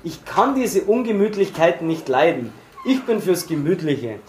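Man, memoir reading, measured, expressive, fairly high voice. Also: a little hiss or hum. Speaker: reader. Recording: roomy echoey recording.

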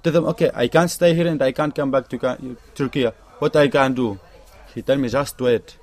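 In a medium-pitched voice with fairly even intonation, a young man from Syria gives his testimony as a refugee during an interview. He speaks at a moderate pace in broken English marked by a Syrian Arabic accent, sounding earnest and emphatic, and restates his points with non-native grammar.

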